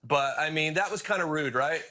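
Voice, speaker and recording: A man's voice: on the high side, a little fast, sharp tone, slight background noise. A man hosting a radio countdown show, interviewing guests in an upbeat, teasing way.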